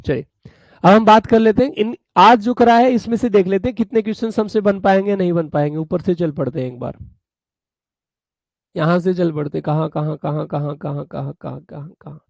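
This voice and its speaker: A man's voice: high-pitched, a little fast, a little mellow, no echo. A man teaching a live online class, explaining law through little acted-out stories and talking to his students in a chatty, fatherly way. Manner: acts out buyer and seller in a story, chatty and fatherly with students.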